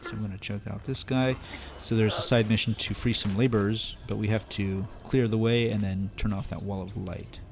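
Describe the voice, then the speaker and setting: A man's voice: lowish voice, steady tone, normal speed, few pauses. A man hosting a let's play, giving casual, rambling lore commentary full of fillers. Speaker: gamer host.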